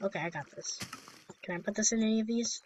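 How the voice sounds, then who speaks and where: A young woman chatting casually as she plays through a video game, giggly and quick to burst into dramatic outbursts. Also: medium pitch, darkish tone, lo-fi sound, slight background noise. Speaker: gaming YouTuber. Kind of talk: casual let's-play commentary.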